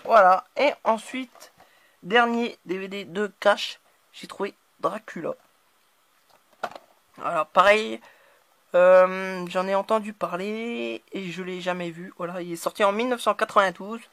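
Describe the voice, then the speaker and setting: A woman hosting her own channel, talking casually through a haul of new purchases, often hesitating and filling pauses. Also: medium pitch. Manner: hesitant, constant filler words. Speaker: channel host. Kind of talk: casual DVD haul talk to camera.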